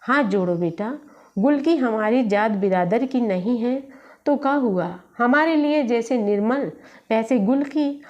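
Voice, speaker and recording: A motherly older neighbour woman coaxes in a practical, homely way, as a woman reader voices her. Her voice sits fairly high in a dull, lo-fi recording. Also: a little slow, a little mellow, close to an everyday voice. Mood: coaxing.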